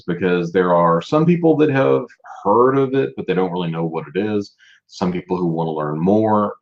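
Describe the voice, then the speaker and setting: A man's voice: deep voice, muffled recording. A man hosting a casual live stream, chatting and greeting viewers by name as he presents. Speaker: livestream host presenting a business.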